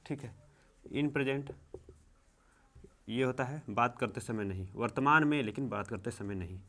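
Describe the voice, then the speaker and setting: A young man teaching English grammar in a slow, repetitive way, checking in often. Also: mid-range voice, bright, forceful tone. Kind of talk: classroom-style grammar lesson.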